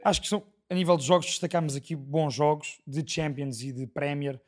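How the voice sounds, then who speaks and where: A man hosting a casual sports podcast, leading the talk in a brisk way. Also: on the high side, darkish tone. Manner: brisk, leads the show. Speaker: podcast host.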